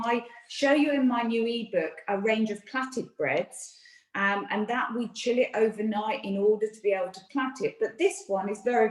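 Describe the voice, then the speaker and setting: A woman's voice: fairly high pitch, darkish tone, reverberant, poor audio. A British woman chef and nutritionist giving a friendly, chatty cookery demonstration from her home kitchen, explaining each step.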